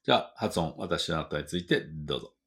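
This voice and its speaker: A man teaching English pronunciation, saying model words slowly and with exaggeration between brisk explanations, then asking the listener to repeat after him. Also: a bass voice, lively intonation, gravelly, a bit bright.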